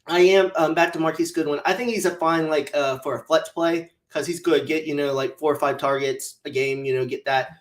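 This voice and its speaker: A man co-hosting a fantasy football podcast over a remote call, talking in a relaxed, rambling way with lots of fillers. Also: a little high, brisk, hardly any pauses. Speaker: podcast co-host. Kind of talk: casual fantasy football chat.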